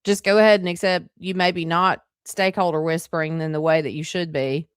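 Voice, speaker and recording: A woman's voice: on the low side, fairly even intonation, fairly quick, clean tone, no echo, clean studio sound. A woman hosting a casual interview, chatty and peppered with fillers. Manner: chatty, with frequent "like" and "you know" fillers. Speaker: host.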